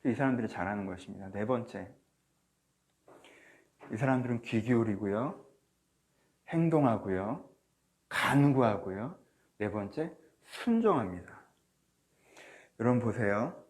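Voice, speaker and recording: A man preaching a sermon as pastor of a church, animated, swinging from soft asides to loud cries. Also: on the low side, unhurried, pauses often. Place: church or small studio, online service.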